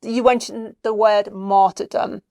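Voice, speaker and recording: A woman's voice: mid-range voice, flat delivery, unhurried, dark tone, no echo, clean studio sound. A woman co-hosting a podcast who talks things through in long, thoughtful questions. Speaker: podcast co-host. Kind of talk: conversational questioning.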